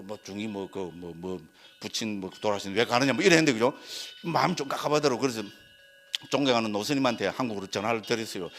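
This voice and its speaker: A man's voice: medium pitch, fairly bright tone. A man, a Buddhist monk giving a Dharma lecture in a conversational way, often asking the audience to agree. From Korea, Gyeongsang region. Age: 60s. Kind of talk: Dharma lecture with personal story.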